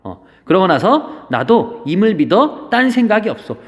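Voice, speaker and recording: A high, animated male teacher walks students through a classical poem and slips into playful everyday retellings as he goes. His pitch swings widely, and a long reverb hangs on every word. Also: moderate pace. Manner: explains the poem with playful modern paraphrases. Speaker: Korean literature teacher. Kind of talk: classroom-style lecture.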